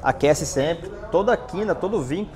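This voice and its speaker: Over music, a Brazilian man in his forties speaks at a normal speed in a fairly high, animated voice with a Brazilian Portuguese accent. He's a paintless dent repair instructor wearing a lapel mic, pointing at a car while teaching a hands-on session in a large workshop.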